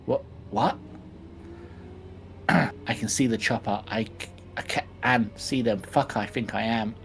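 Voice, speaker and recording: A man's voice: mid-range voice, slow pace, vocal fry, fairly bright tone. Man doing comic dramatic readings. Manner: reads in a mock-dramatic voice, swears, laughs. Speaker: podcast host reading fanfiction aloud.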